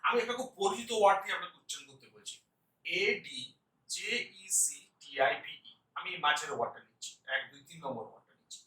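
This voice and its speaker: Bright-voiced man teaching pronunciation. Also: on the high side, expressive, poor audio. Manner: slow deliberate repetition of words. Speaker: English teacher. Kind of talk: pronunciation lesson.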